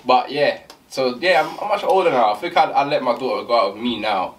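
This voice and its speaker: A man's voice: medium pitch, a little fast, a crowd in the background. A man, co-hosting a podcast in casual chat full of slang and laughter. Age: early 20s. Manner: laughs often, heavy slang. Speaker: podcast co-host. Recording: distant mic.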